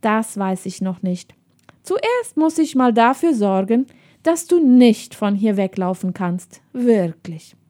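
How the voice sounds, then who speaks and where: A woman's voice: mid-range voice, very animated, dark tone. Woman voicing a sneering escaped convict. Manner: slow, hissing, sneering. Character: menacing middle-aged male escaped convict.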